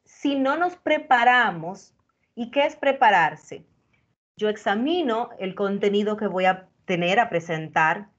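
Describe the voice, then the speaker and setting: A woman's voice: medium pitch, muffled recording. A woman speech coach giving direct, explanatory feedback to a participant in a live online workshop. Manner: explanatory, addresses listener directly, reassuring. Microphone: video call.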